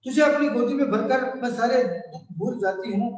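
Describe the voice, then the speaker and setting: A man's voice: very high voice, normal speed, darkish tone. A man voicing a grieving young mother who speaks tenderly to her son. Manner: tender, consoling. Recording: echoey room, distant mic.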